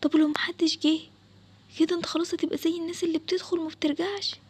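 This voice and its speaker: Anxious young Egyptian girl, a woman voicing, high and quick, for a cartoon story. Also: fairly even intonation, a little mellow, close to an everyday voice. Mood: scared worried. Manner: worried pleading, quick. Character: frightened young girl Salma, cautious and anxious. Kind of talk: storytelling for an animated game video.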